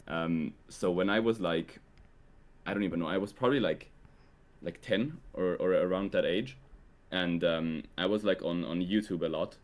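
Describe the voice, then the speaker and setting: Young guy, really low voice, laid back, lots of likes and ums. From Switzerland. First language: Swiss German. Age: young adult. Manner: relaxed, hesitant, heavy use of "like" and "um". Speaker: guest. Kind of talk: casual conversation.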